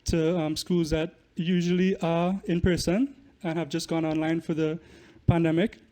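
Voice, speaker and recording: Guesting on a podcast, a young Trinidadian musician and student talks casually through explanations in an interview. He has a fairly high, mellow voice, a flat delivery, and a moderate pace.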